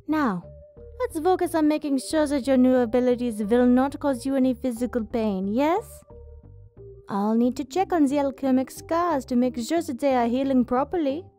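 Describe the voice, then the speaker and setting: A woman's voice: sits high, mellow. A woman playing a doting witch healer in an ASMR roleplay, speaking soothingly and carefully in formal medical phrases. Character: witch healer, doting, clinical, gently possessive of her little monsters. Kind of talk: ASMR roleplay, soft scripted character acting. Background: music.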